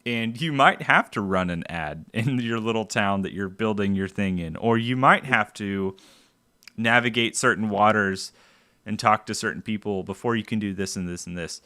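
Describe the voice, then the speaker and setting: Bright-voiced man hosting a podcast. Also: on the low side, dry recording. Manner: enthusiastic, reflective, sums up for listeners. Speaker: podcast host. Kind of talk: casual podcast interview.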